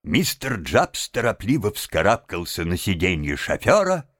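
A man reads a story aloud, his mid-range voice rising and falling with lively expression. The sound is close and dry, with no room around it. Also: low-pitched, a little slow, no echo. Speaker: audiobook narrator. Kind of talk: expressive literary narration.

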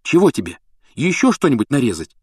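A man voicing a hot-tempered teenage schoolboy who snaps loudly in an audiobook. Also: medium pitch, expressive, brisk, breathy edge, dry recording, clean studio sound, voice pushed up. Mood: irritated. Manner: snappish, loud.

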